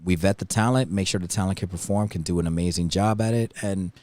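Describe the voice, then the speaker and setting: A man's voice: low voice, quick pace, darkish tone, dry recording. A man from New York with a New York accent, talking casually as a guest DJ, rambling with lots of fillers and restarts. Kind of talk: casual podcast chat.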